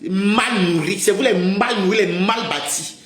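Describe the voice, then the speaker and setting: A man's voice: sits high, a little slow, a bit bright. An agitated man hosting a livestream, scolding and mocking his viewers in a heated rant and calling them maman. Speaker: livestream host. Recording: roomy echoey sound.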